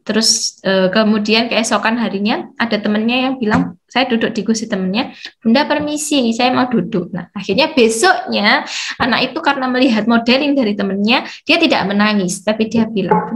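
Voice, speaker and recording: Leading a seminar for parents whose children use hearing technology, this female educator talks a little high and fairly quickly, her tone fairly bright. She explains patiently, leans on frequent fillers, and reads out the questions.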